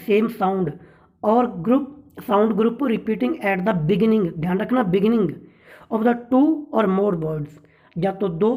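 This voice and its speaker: A man's voice: high-pitched, creaky, darkish tone, rough recording. A male English literature teacher giving an exam-prep lesson, explaining step by step and checking in with his listeners.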